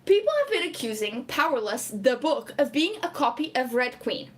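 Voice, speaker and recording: On a casual live stream, a young Portuguese woman whose first language isn't English reads through comments and laughs frequently. She speaks at a moderate pace in a high, very animated voice, chatty and full of "like" fillers.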